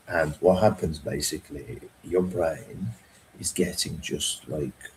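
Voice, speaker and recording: Male streamer, deep and unhurried, filler-heavy, keeps checking in with "right?". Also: darkish tone, a little hiss or hum, poor audio. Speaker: trading educator. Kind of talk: unscripted livestream talk.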